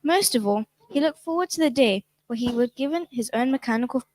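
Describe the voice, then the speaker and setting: A woman narrating a children's story in a clear, measured way. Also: a little high, lively intonation, a little mellow, no echo, rough recording.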